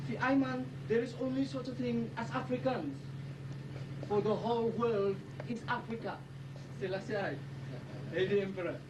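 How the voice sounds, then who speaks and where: A woman's voice: a little high, normal speed. A woman speaking in Rastafari reasoning style, making declarations in repetitive Rasta phrasing. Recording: distant microphone, noisy live gathering.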